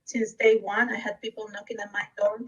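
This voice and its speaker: Husky-voiced woman presenting. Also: medium pitch, level tone, brisk, distant mic, lo-fi sound. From Costa Rica. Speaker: district education leader. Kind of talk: recorded webinar presentation.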